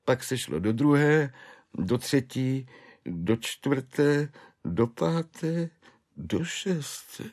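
A man's voice: mid-range voice, animated, a little mellow, voice pushed up. A man doing a wailing, despairing drunk clerk. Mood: rambling confession. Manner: wailing, pleading, self-pitying. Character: despairing drunken male clerk, middle-aged father.

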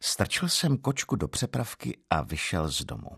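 A man reading his own humorous first-person story aloud in a dry, deadpan, self-ironic way. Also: deep voice, creaky, slightly rough, no room sound.

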